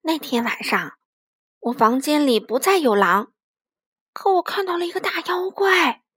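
Brief: gentle, expressive woman reading a picture book, high voice, dry close sound. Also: measured pace, no room sound. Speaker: storyteller. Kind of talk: picture book read-aloud.

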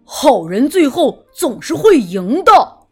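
A woman's voice: high-pitched, big pitch swings, takes it slowly, soft background music, pitched below the performer's own voice, full character voice. A woman voicing a big, bossy male tiger in a drawling, lordly manner.

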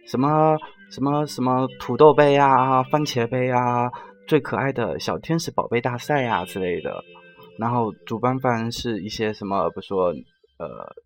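A man telling a personal story in a casual, sarcastic rant, mocking the people he quotes. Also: mid-range voice.

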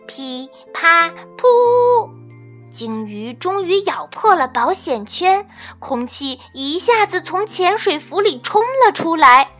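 A woman reading a children's storybook aloud, expressive and measured. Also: sits high. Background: faint children's music.

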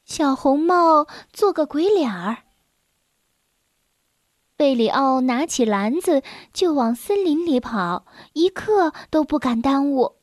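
A woman narrates a children's storybook, clear and expressive. Her voice sits high. The recording is close and dry. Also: slow, no echo.

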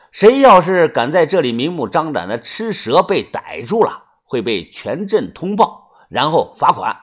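Husky man telling a chatty story. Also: on the high side. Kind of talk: first-person audio novel narration.

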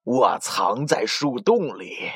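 A man voicing a sly, sweet-talking big bad wolf in a children's bedtime story, slow and hushed. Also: mid-range voice, sing-song, breathy edge, dry recording, clean studio sound, exaggerated voice.

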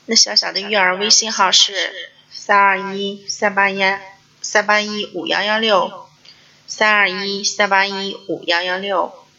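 A mother hosts a parenting class and shares a family story in a chatty, homely way. Her voice is bright and forward, at an ordinary pitch for a woman. The recording sounds dull and lo-fi. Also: little pitch movement, measured pace.

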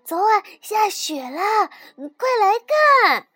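A cheerful young rabbit boy from a children's storybook, calling out eagerly in a high voice, as a woman acts him out. The sound is dry and close. His pitch rises and falls a lot. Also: animated, slow pace, no echo. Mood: excited. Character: cheerful young male rabbit with long ears.

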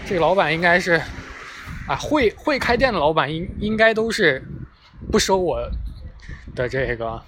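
A man's voice: high-pitched, moderate pace, pauses often. Chatty young man telling a story. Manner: chatty, animated, self-mocking. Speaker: vlogger. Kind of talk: casual storytelling monologue. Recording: clear street and traffic noise behind. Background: passing vehicles.

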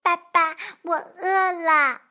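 A woman's voice: very high voice, takes it slowly, voice pushed up, exaggerated voice. Woman doing a squealing baby duckling. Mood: sweet. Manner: loud, calling out. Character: tiny newborn duckling, clingy and sweet.

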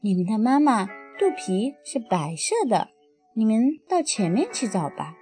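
A woman voicing a kindly mother fish and mother turtle who answer briskly in a bedtime story. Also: on the high side, sing-song, warm tone, soft background music.

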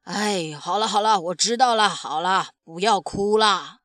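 A gruff but soft-hearted tyrannosaurus dad talks slowly and hesitantly, filling his pauses with drawn-out "uh"s, as a woman reads him in a storybook. His voice sits at an everyday pitch. The recording is close and dry. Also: no echo, close to an everyday voice. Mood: tender. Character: gruff yet tender tyrannosaurus father figure.

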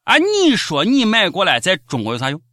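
A man's voice: high-pitched, huge pitch swings, fairly quick, sharp tone, no echo, clean studio sound. A man with a Shaanxi accent hosting scripted satirical news commentary in a mocking, sarcastic manner. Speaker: host of a comic news show.

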